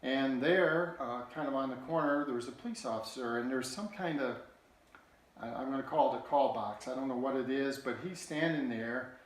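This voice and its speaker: A man shares a personal story from his childhood, speaking earnestly and haltingly with frequent restarts. His voice sits at an ordinary middle pitch. The recording is very echoey, as if made in a large bare room. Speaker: political candidate.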